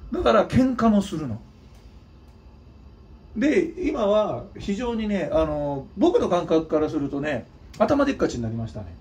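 A man's voice: sits high, big pitch swings, a little slow, a little mellow, recorded from a distance. A man from Nagano, Japan, hosting his own channel, giving a blunt, scolding opinion monologue with mocking asides. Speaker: channel host and drummer.

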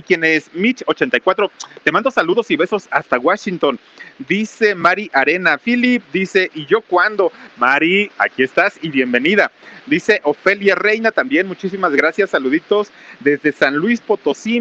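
Loud bright-voiced man on a live stream. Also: sits high, highs cut off. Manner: talks loudly over rain under a small roof. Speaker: host reading viewer greetings on a live stream. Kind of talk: casual live-stream chat. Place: outdoors under a small roof in heavy rain near ruins. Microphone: camera mic with crew nearby.

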